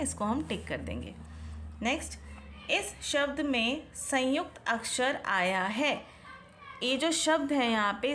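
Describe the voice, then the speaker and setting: A high-voiced woman explains a children's Hindi worksheet, stretching each syllable slowly and asking the viewer what each picture shows. She mixes English words into her Hindi, with a faint hiss behind her. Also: fairly bright tone. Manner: slow, drawn-out syllables when sounding out words, questions to the viewer. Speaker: Hindi tutor.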